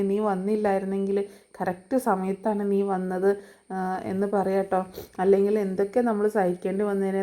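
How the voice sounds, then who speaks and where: A woman recounts a TV serial episode in a loose, chatty manner, peppering her talk with fillers. Her voice is mellow and dark, and it stays quite level in pitch. She talks like someone filling in a friend on what happened. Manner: chatty, conversational, frequent fillers and tag particles. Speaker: TV serial recap narrator. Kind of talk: casual spoken retelling of an episode.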